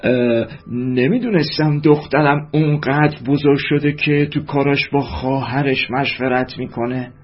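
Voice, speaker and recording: A man voicing a proud, warm father of two girls who speaks loudly and heartily, like he is teaching, in a storybook reading. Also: a little high, big pitch swings, husky, voice pushed up. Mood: delighted. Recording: dull lo-fi with faint music.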